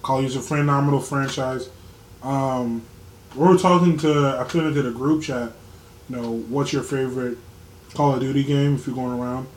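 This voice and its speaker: A man's voice: mid-range voice, steady tone, brisk, a little hiss or hum. A young man co-hosting a casual podcast chat, laughing often and acting out the voices in his stories. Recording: echoey room with faint ambience.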